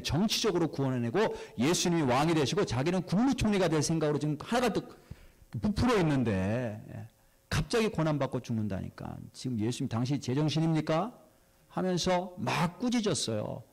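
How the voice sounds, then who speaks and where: A male pastor preaching a sermon, who asks the congregation questions and answers them himself and slows down to stress key words. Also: medium pitch, darkish tone.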